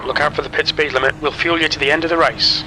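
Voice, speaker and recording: A man's voice: fairly even intonation, fast, natural voice. A man voicing a race engineer who gives terse, clipped pit radio calls in a matter-of-fact way. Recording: loud engine rumble behind the voice. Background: racing car engine rumble.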